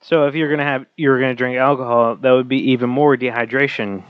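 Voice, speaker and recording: A man's voice: medium pitch, steady tone, fast talker, clean tone, dry recording. A man co-hosting a podcast, listening closely and chiming in with short replies. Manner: attentive listener, frequent short backchannels. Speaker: podcast co-host. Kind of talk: casual chat. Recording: dry, slightly dull audio.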